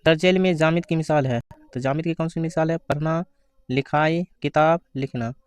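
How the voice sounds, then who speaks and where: A man giving an exam-prep grammar lesson, asking questions and answering them himself, reading out the answer options slowly. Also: fairly high pitch, steady tone, smooth, dry recording. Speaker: teacher.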